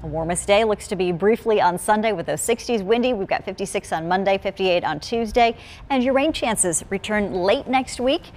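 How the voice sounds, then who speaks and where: A middle-aged woman, a TV meteorologist, presenting a weather forecast in a studio, brisk and explanatory as she points along the maps. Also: mid-range voice, a little mellow, soft background music. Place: TV studio in front of a weather wall.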